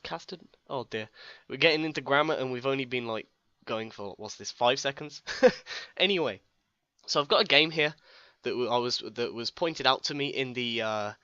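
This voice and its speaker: A man's voice: mid-range voice, sharp tone, no echo, highs cut off. A man casting a strategy game in a casual, chatty way, joking at his own expense and often tripping over his words. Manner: chatty, self-deprecating, stumbles over words. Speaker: game caster. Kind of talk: casual real-time strategy game commentary.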